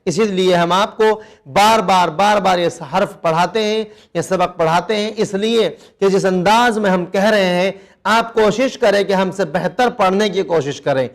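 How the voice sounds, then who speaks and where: High-voiced man teaching Quran reading to children. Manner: patient, repeats each word slowly for children. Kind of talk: children's recitation lesson.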